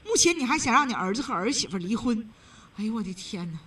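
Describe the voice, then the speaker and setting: A woman's voice: on the high side, big pitch swings, fast talker, fairly bright tone, husky, recorded from a distance. Blunt, scolding radio host woman. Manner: blunt, scolding, emphatic lecturing. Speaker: radio call-in advice host. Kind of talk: call-in radio advice.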